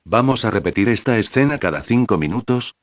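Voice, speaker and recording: A bored young villain drips with poisonous sweetness and disdain, as a male reader puts him on. His voice is very deep and dry. Storybook-style fan reading. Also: lively intonation, brisk, no room sound, close to an everyday voice. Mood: mocking. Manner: sneering, venomously sweet.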